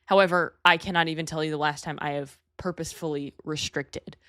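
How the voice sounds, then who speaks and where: Her voice is deep, a bit bright, a little fast, and fairly even in intonation as this New York woman in her 30s hosts a solo podcast. She's candid and self-deprecating, leaning on "like" constantly, and the studio recording is clean with no echo.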